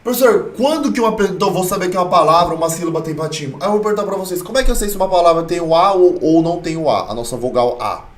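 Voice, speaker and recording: A man's voice: high voice, animated, racing, few pauses, recorded from a distance. A Brazilian man teaching an online Korean lesson, blunt and playful, repeating key points with emphasis. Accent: Brazilian Portuguese. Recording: echoey room, voice off-mic.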